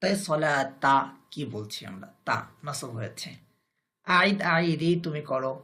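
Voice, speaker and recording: Man, high-pitched, Bangladeshi Bengali accent, grammar lesson, slow deliberate repetition. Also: expressive, sharp tone. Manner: slow, deliberate, repeats Arabic phrases then translates them. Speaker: Arabic grammar teacher.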